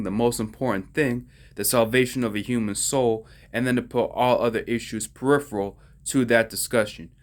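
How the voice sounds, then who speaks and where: A man explaining the Bible in a casual, conversational teaching style, often checking that listeners follow along. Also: mid-range voice. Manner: conversational, folksy, asks listeners if they follow. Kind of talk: casual religious explainer video.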